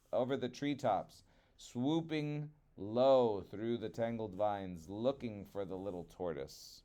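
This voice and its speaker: Slow, clear male storyteller reading a trickster tale. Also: mid-range voice, a little mellow. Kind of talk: expressive children's storybook narration.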